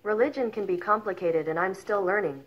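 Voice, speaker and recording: A synthetic female voice assistant answering in a calm, polite, even manner. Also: mid-range voice, a little fast, highs cut off. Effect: synthetic text-to-speech voice.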